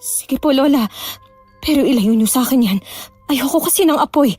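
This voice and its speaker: Woman doing a high-pitched, lively schoolgirl, sulky and scared, horror audio drama, faint music behind. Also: brisk, dry recording. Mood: sullen. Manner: sulky, pleading, snaps back. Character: troubled schoolgirl, sullen and frightened.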